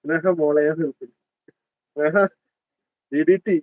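A chatty man in his thirties with a Malabar Malayalam accent hosts a casual livestream and jokes with viewers as he calls out their names. His voice sits a little high for a man. The phone audio sounds dull and dry, with no room echo. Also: fairly even intonation, a little slow. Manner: chatty, teasing, greets viewers by name. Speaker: livestream host. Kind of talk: casual live chat reading comments.

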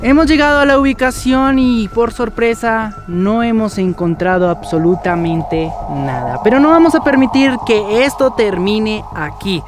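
A man's voice: high voice, lively intonation, a little slow, few pauses. A man with a Colombian Spanish accent hosting a scripted comedy vlog skit in a theatrical, dramatic announcer manner. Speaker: YouTuber host leading a skit. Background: background music.

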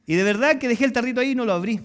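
Animated high-voiced Chilean pastor. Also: male voice, racing, clean tone. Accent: Chilean Spanish. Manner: animated storytelling, acts out voices and dialogue. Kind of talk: sermon.

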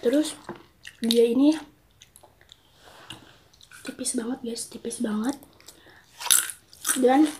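High-voiced young woman talking while crunching chips. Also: takes it slowly, pauses often, mellow. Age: young adult. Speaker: food reviewer. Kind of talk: casual mukbang review. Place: small room at home. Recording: noisy close-up home recording.

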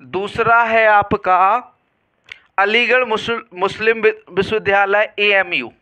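A man's voice: high voice, steady tone, slow pace, pushed and bright, smooth. A man teaching an exam-prep lesson, quizzing students and repeating each question and answer back to them.

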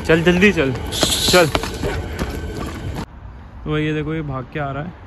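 A man's voice: on the high side, fairly even intonation, slow. A young man vlogging casually in a teasing, joking tone on a handheld phone while cycling outdoors. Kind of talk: casual chat. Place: outdoors on city streets at night and in a gym. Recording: noisy outdoor street ambience.

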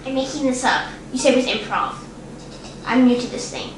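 A woman's voice: high voice, expressive, fairly quick, a little hiss or hum. A woman puppeteer improvising a home cooking show, chatty and self-conscious, also minding the camera. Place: home kitchen. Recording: echoey home kitchen.

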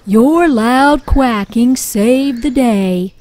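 A woman voicing a shy, quiet little male quail who speaks gently and timidly in a children's storybook. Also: fairly high pitch, very slow. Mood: grateful.

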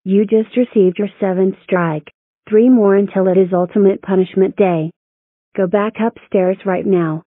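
A woman's voice: mid-range voice, fairly even intonation, normal speed, no echo, voice pushed down, lightly acted. A female voice playing an angry parent who scolds. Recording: tinny phone-like sound.

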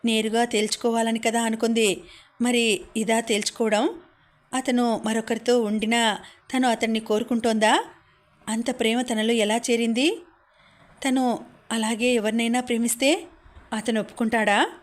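Even-toned woman audiobook narrator. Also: a little high, normal speed, long pauses.

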